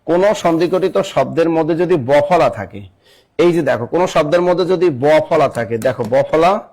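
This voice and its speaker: A young adult man teaching a live online exam-prep class, spelling words out slowly, quizzing viewers and reading their comments aloud. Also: a little high, expressive, a little mellow.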